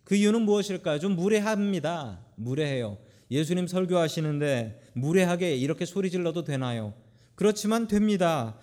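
A man preaching a sermon as pastor at a Friday prayer meeting, asking rhetorical questions, swelling his voice on points and dropping low on scripture. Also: a little mellow.

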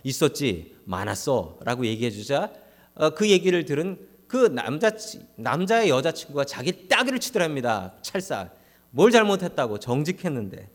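A male pastor gives a joke-filled Sunday sermon at a moderate pace, his fairly high voice sing-song and swinging widely up and down. He appeals directly to his congregation and acts out the people he quotes in playful voices.

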